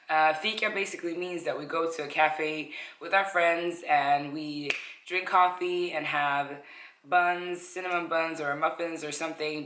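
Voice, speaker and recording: A woman's voice: low-pitched, a bit bright. A young adult woman from Sweden talking casually to viewers at home, upbeat and often correcting herself mid-sentence. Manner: upbeat, self-correcting, addresses viewers directly. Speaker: vlogger. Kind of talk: casual chatty vlog explainer. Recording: echoey room.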